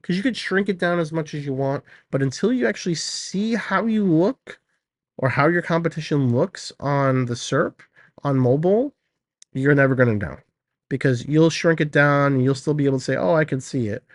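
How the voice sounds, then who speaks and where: A man's voice: fairly high pitch, lively intonation, moderate pace, no room sound, studio quality. A man hosting a casual screen-share product teardown, chatting straight to viewers while sick and a little out of breath. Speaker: host.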